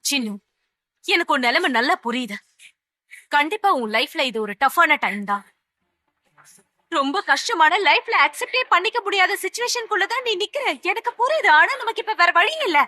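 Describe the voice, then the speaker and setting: A firm, protective mother who is a lawyer lectures her daughter in a TV serial. Her voice is high and bright, and the sound is close and dry. She drops in English phrases to make her point. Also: no echo. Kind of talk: TV serial drama acting.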